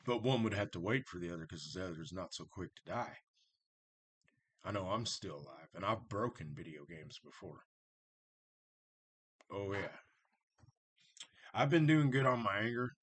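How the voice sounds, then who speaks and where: Low-voiced man rambling to camera. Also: fairly bright tone, husky. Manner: rambling, circling back on himself with restarts; blunt and conversational, addresses viewers directly. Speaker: vlogger talking about Satanism. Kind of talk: casual unscripted monologue.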